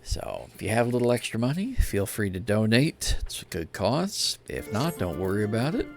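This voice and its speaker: In an easygoing, informal livestream chat, a live game streamer talks with a fairly low, very animated voice at a moderate pace. His speech has vocal fry, and music plays in the background.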